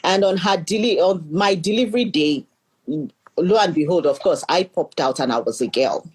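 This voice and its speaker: Telling her life story as an interview guest, a middle-aged Nigerian leadership coach speaks earnestly at normal speed. Her fairly low voice is husky, and she tends to repeat words as she thinks.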